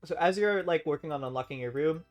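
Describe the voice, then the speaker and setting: A woman's voice: low-pitched, fast, a little mellow, soft background music. A woman running a tabletop game as game master, narrating loosely with many fillers and frequent laughter.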